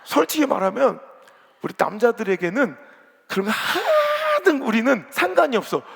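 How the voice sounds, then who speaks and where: A man's voice: very high-pitched, wildly swooping pitch, normal speed, vocal fry, fairly bright tone, breathy edge. A male senior pastor preaching a revival sermon in a blunt, joking, colloquial way. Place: large church sanctuary. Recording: long reverb of a big church hall.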